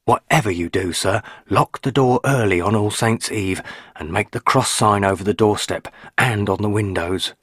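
With a lowish, slightly rough voice at normal speed, a man plays an elderly, stubborn, superstitious rustic housekeeper woman speaking country dialect. His delivery is hushed and ominous, using rustic dialect grammar, recorded at studio quality with no echo.

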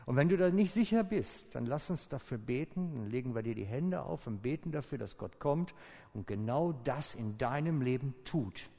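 A male pastor with a gravelly, mellow voice preaches in a calm, inviting way, slowing and pausing deliberately. His words ring out with a long reverb in a large church hall. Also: mid-range voice. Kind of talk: sermon.

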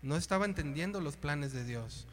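A man gives an informal sermon from the pulpit, his voice pitched fairly high for a man. He talks conversationally, with colloquial asides and rhetorical questions. His voice rings out with a long reverb, as in a church hall. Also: expressive, normal speed, fairly bright tone. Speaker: preacher.

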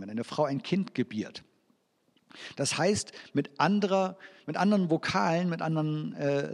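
A man preaching, explaining in patient steps and slowing down for scripture passages. His voice sits a little high for a man. Long reverb from a church hall trails behind each phrase. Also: darkish tone. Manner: explanatory, reads scripture slowly, restarts phrases. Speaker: pastor. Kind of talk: sermon.

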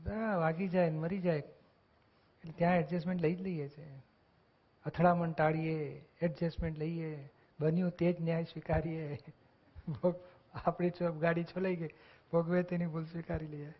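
A man's voice: on the high side, little pitch movement, moderate pace. A man giving an earnest spiritual discourse, explaining teachings and acting out short quoted exchanges. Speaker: spiritual discussion speaker. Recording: dull lo-fi recording.

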